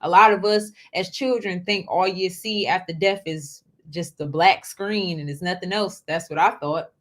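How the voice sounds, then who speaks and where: This host, a woman in her twenties, has a lowish voice with fairly even intonation and a moderate pace. She talks casually to her viewers, repeating words, calling them y'all, and asking "okay?"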